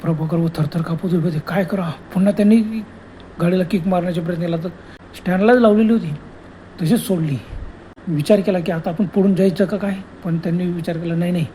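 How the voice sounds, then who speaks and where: A man's voice: sits high, steady tone, fairly quick, mellow, a little hiss or hum, poor audio. A man telling a ghost story in an earnest, dramatic way, often repeating phrases for effect. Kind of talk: Marathi horror storytelling.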